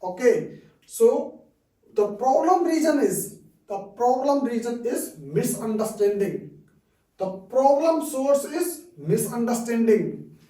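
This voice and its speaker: A man with an Indian English accent teaches at an unhurried, deliberate pace. His voice is soft and mellow, and he repeats his examples and keeps saying "okay". He sounds set back from the microphone in an echoey room. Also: very high-pitched, sing-song. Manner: repeats phrases, frequent "okay" checks. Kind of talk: slow explanatory lesson. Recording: roomy echo, distant mic.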